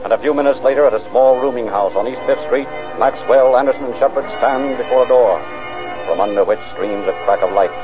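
A man narrates a vintage radio police drama at a rapid pace. His scripted delivery sits over music, and the old recording is very muffled. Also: mid-range voice.

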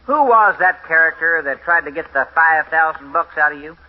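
Actor as easygoing cowboy sidekick, high-pitched, drawling and hesitant; 1950s radio western, lo-fi broadcast. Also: male voice, normal speed, lightly acted. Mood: casual. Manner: drawling and casual, with hesitant fillers. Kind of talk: 1950s radio drama acting. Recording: dull lo-fi old radio recording.

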